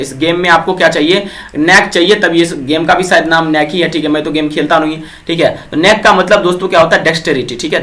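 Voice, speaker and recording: A man's voice: sits high, bright, forceful tone. A young man from Bihar teaching English vocabulary for an exam, who keeps asking his viewers questions and answering them himself. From Bihar, India. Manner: repeats quiz questions to viewers, fills with "ठीक है". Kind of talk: exam-prep vocabulary lesson.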